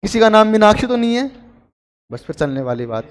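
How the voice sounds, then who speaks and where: High-voiced man teaching in a reverberant hall. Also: big pitch swings, brisk. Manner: chatty, joking asides to students. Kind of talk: classroom grammar lecture.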